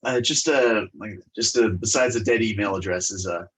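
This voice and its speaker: A man's voice: on the low side, moderate pace, a bit bright, low-quality recording. A congested man giving a webinar presentation over a video call and answering questions, talking with many fillers and restarts.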